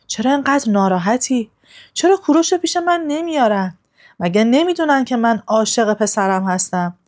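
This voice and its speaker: A woman's voice: lively intonation, a little mellow, lightly acted. Woman voicing a distraught noble mother. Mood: anxious. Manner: high, cried-out, demanding lines. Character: grieving noble young mother, quick to anger.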